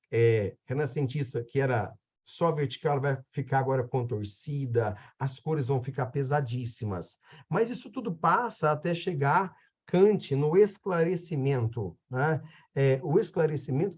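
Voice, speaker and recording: A man with a Brazilian Portuguese accent lectures a review class in a playful, chatty manner. His voice is mellow and somewhat raspy. The recording sounds dull and lo-fi. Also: fairly high pitch. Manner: lively, joking, conversational lecturing with frequent "tá?" and "né?" tags. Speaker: teacher.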